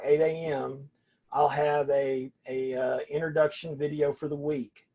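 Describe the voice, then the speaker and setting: An older man with a drawl talks to his class in a folksy, meandering way, circling back and restarting his phrases. His voice sits a touch high for a man. It comes through a plain video-call microphone. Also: warm tone. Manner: folksy, rambling with frequent restarts. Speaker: college philosophy instructor.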